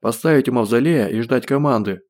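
A man reading an audiobook, voicing a brutal, volatile man who speaks in a gruff, forceful way. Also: mid-range voice, a little fast, close to an everyday voice. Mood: angry.

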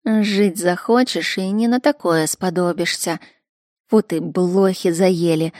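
A woman's voice: fairly low pitch, slow pace, darkish tone, no room sound, studio quality. A woman playing a sly, drawling cat-man.

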